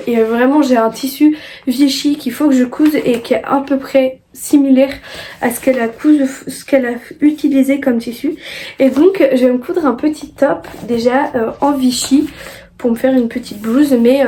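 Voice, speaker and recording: A young woman chatting casually about her sewing haul, halting often with fillers and restarts. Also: high-pitched, warm tone, a little hiss or hum. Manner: hesitant, many fillers and restarts. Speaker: sewing vlogger.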